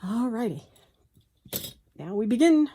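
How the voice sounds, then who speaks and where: A woman's voice: on the high side, very animated, unhurried, warm tone, a little hiss or hum. A woman giving a casual hands-on tutorial, chatting and talking to herself as she works, with apologetic asides. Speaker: crafter demonstrating bookbinding. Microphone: phone camera close by.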